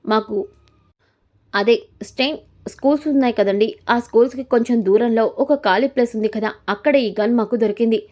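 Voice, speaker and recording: A woman's voice: a little high, a little fast, darkish tone, lightly acted. A woman voicing a polite male police sub-inspector returning a gun.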